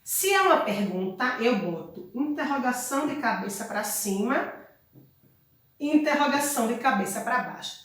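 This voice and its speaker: A Spanish teacher with a fairly high voice explains a lesson during an online class from a room at home, checking in with tags like "ok?" and "tá?". The room sounds very echoey.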